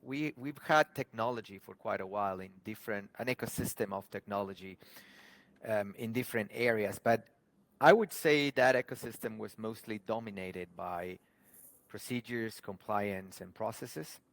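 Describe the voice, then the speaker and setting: A man's voice: on the low side, moderate pace, no room sound. A man from Argentina, talking earnestly as a guest about his working life. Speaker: podcast guest, HR professional. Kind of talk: conversational interview.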